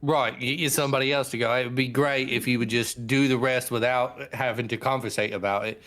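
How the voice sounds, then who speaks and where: A man's voice: medium pitch, steady tone, a little fast, fairly bright tone. A man playing a tabletop role-playing game, talking in character in an impatient, pushy way. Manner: impatient, pushy, breaks into laughter. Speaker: player.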